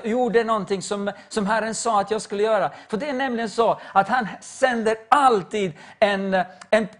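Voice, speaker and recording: A middle-aged man preaching a sermon, telling stories emphatically and acting out the quotes he tells. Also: high-pitched. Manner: emphatic, storytelling with acted quotes.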